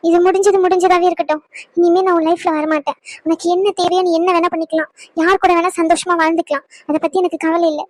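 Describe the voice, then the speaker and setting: Woman doing a cartoon young wife, very high voice, dead dry sound, hurt and fed up. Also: little pitch movement, fast, dry recording. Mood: angry. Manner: pleading then bitterly reproachful. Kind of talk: cartoon drama dubbing.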